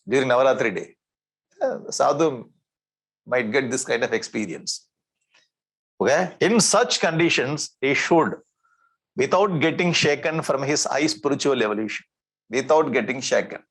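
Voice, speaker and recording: A man with a South Indian accent giving a spiritual discourse in an animated, conversational way, repeating phrases and asking rhetorical questions. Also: medium pitch, low-quality recording. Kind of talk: spiritual discourse with Sanskrit verse recitation.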